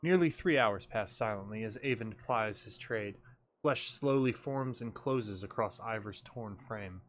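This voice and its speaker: A man reading a game's story text aloud as a narrator, in a measured, dramatic storytelling manner. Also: lowish voice, slight background noise. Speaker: video game player and narrator.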